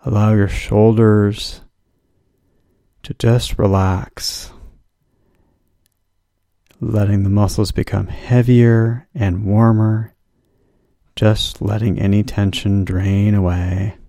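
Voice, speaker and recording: Male relaxation guide; deep-toned, mellow, unhurried soothing delivery. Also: flat delivery, no echo, studio quality. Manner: slow, soothing, drawn-out instructions. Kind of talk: guided progressive muscle relaxation.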